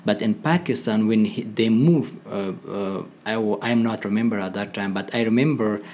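A man with an Afghan accent, a former commando speaking as a podcast guest in halting English full of pauses and restarts. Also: fairly low pitch, darkish tone, a little hiss or hum. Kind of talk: conversational interview.

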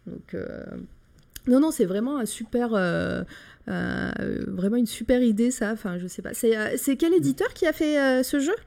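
A woman's voice: a little high, animated, normal speed, creaky, darkish tone. Give me a woman hosting casual live chat. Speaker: host of an online radio show.

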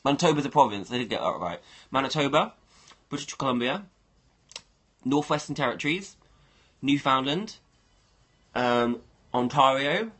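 A man's voice: medium pitch, fairly bright tone. A man hosting a casual livestream, rambling and thinking aloud as he talks to his viewers. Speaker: livestream host.

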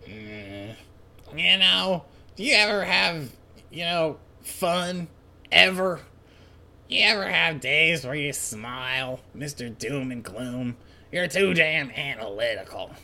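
A man voicing a crude, snotty, gloating male henchman in a casual manga read-along, with a gravelly, coughing, mocking drawl. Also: fairly high pitch, animated, takes it slowly, pushed and bright, heavily acted. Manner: needling, mocking, folksy drawl.

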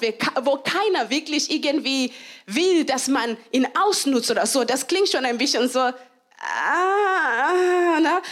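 A woman preaching a sermon, lively and given to laughter, acting out cheers and quoted voices and slowing down hard on key phrases. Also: high-pitched. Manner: slows down for emphasis on key phrases.

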